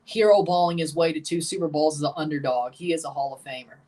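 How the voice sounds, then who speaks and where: Hosting a livestream, a young man with a low voice reacts to a soccer match and fields chat questions, firing off blunt, opinionated hot takes. He talks fast and gets excitable, his pitch leaping up when he's agitated, and he's recorded from a distance.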